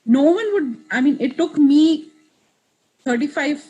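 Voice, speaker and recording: A thirtysomething woman guesting on an interview talks reflectively and casually, often restarting and wandering into asides. Her voice is high, mellow and lively in intonation, a touch slow, captured in lo-fi sound.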